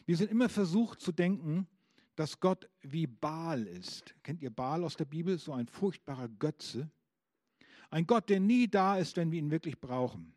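A man's voice: fairly high pitch, expressive, unhurried, a little mellow, no echo, studio quality. Emphatic man preaching a sermon. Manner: rhetorical questions, emphatic preaching with quoted scripture.

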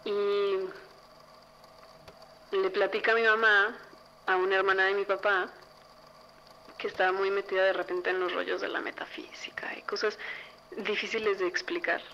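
A woman's voice: mid-range voice, little pitch movement, moderate pace, pauses often, sharp tone. A young adult woman with a Mexican accent telling a personal ghost story in a chatty, casual way, full of fillers. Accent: Mexican Spanish. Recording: dull lo-fi recording with faint noise.

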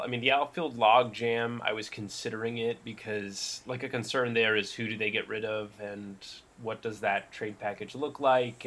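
A man's voice: fairly low pitch, sharp tone, a little hiss or hum. A man co-hosting a casual sports podcast, talking loosely with many fillers and restarts. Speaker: podcast co-host.

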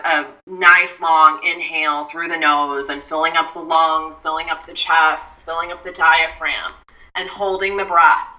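A woman who is a mindfulness expert, guest on an interview, explaining in a measured, step-by-step way with frequent restarts. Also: deep voice, sharp tone, far from the mic, highs cut off.

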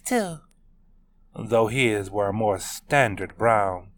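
A man narrating his own serialized web novel in a measured, steady reading. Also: fairly low pitch, slight background noise. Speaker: author narrator.

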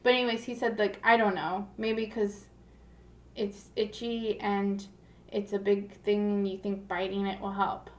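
A woman's voice: medium pitch, level tone, measured pace. Rambling woman in an echoey room. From Florida. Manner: rambling, many fillers and restarts. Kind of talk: casual chat.

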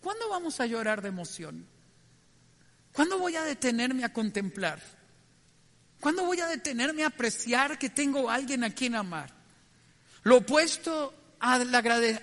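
A man's voice: very high voice, expressive, a little slow, pushed and bright, long reverb tail. A man giving a devotional message in an earnest, reflective way, putting direct questions to his listeners. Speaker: preacher.

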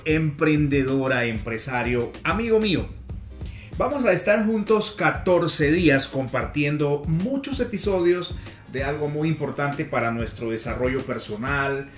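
A man from Peru hosting a motivational audio course on communication, greeting listeners with emphatic lists of address. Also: on the high side. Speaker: podcast host and communication coach. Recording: roomy echo with faint music.

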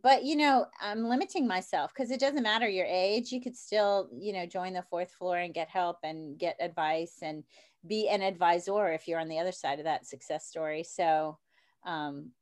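A woman's voice: lowish voice, normal speed. A woman in her fifties hosting an interview show, chatty and upbeat, laughing often. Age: 50s. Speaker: podcast host. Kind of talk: interview chat.

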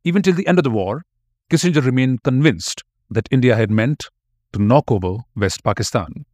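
Guy reading a history script, regular pitch, storyteller vibe, dead dry recording. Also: normal speed, a little mellow, no echo. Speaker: history podcast narrator. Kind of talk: scripted narration.

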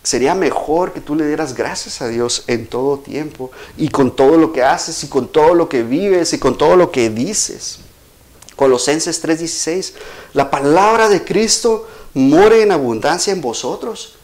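A man preaching a sermon, his voice sitting a little higher than most men's. He speaks in an earnest, exhorting way, pushing some phrases faster and drawing others out for weight. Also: animated, a little mellow. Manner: earnest, exhorting, varies pace and emphasis.

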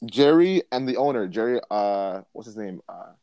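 A man's voice: lowish voice, animated, moderate pace, warm tone, no echo. A man co-hosting a casual sports podcast, making his points emphatically and building them up in lists. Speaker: podcast co-host.

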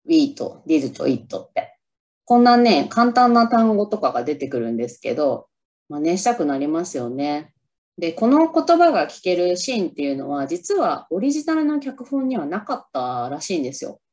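Low-voiced chatty woman. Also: big pitch swings, moderate pace, a little mellow. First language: Japanese. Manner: chatty, upbeat, tries out English lines aloud. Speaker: podcast host. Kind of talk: casual solo movie review talk.

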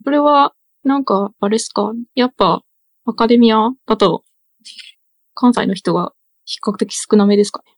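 A woman's voice: fairly high pitch, normal speed, no echo. A woman hosting a casual podcast chat, hesitant and full of fillers. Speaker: podcast host.

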